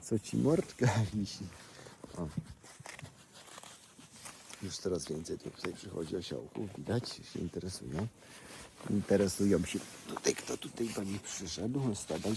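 Man, lowish voice, cooing to animals outdoors, clear animal and field noise behind. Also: lively intonation, a little slow. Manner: affectionate, chatty, talks baby-talk to donkeys. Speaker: animal sanctuary caretaker. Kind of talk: casual vlog talk to animals and viewers. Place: outdoors in a donkey paddock. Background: animal sounds outdoors.

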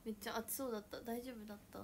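A young woman chatting casually on a livestream, playful and mock-dramatic, sometimes dropping to soft murmurs. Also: on the high side, steady tone, racing, a little hiss or hum. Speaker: idol livestreamer. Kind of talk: casual livestream chat with viewers.

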